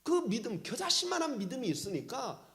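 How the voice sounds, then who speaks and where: A pastor preaching a sermon with emphatic delivery that swings from loud calls down to soft near-whispers. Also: male voice, extremely high pitch, sing-song, brisk, creaky.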